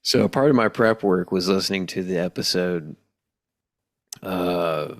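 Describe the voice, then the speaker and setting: Give me a deep, gravelly-voiced male podcast host. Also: unhurried, no room sound, clean studio sound. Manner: rambling, self-correcting, with laughs. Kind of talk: casual film discussion.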